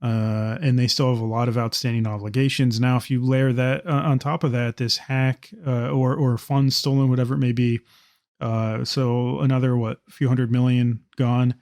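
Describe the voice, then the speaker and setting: A mid-pitched man chats on a casual podcast. He is relaxed and reflective, with a light joking touch. The recording is dry and close. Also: normal speed, no room sound. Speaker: podcast co-host.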